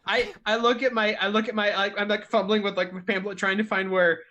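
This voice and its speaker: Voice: mid-range voice, level tone, a little fast, bright, forceful tone, dull audio. A player describing their character's actions in a tabletop game, rambling with many fillers. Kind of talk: tabletop role-play narration.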